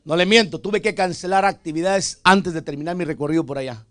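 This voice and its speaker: A male pastor preaching a sermon, shifting between loud, fervent lines and quiet, joking asides, often calling out to the congregation as brothers. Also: a little high, a little fast, dry recording, clean studio sound. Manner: calls out "hermano" to the congregation. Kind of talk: Spanish sermon. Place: church sanctuary.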